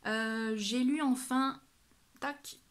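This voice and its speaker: A woman with a fairly high, steady, clear and resonant voice speaks extremely slowly in a casual monthly reading update for her book vlog. She gushes exclamatorily about what she read, talking off the cuff and often restarting or correcting herself.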